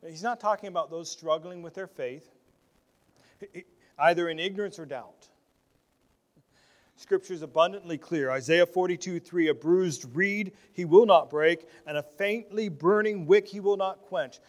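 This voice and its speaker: A pastor preaching a sermon, earnest, often repeating words as he restarts, moving between loud stressed phrases and quiet asides. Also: sits high, moderate pace.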